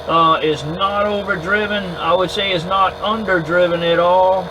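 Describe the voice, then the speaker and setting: A man having a casual two-way radio chat in an easygoing, halting way, often repeating words as he goes. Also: high voice, fairly even intonation, lo-fi sound. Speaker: amateur radio operator recording contacts. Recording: clear background hum and noise.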